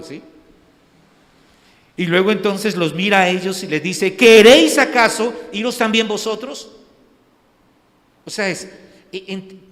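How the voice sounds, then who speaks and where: A man's voice: sits high, fairly bright tone, big-room sound. A man preaching as a pastor, talking conversationally and asking his listeners frequent rhetorical questions. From Colombia. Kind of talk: sermon. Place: church sanctuary.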